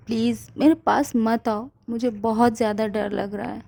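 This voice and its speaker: A woman's voice: a little high, fairly even intonation, normal speed, gravelly, dark tone. A woman voicing a terrified young man who cries and pleads like a child. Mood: tearful pleading. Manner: crying, pleading tone.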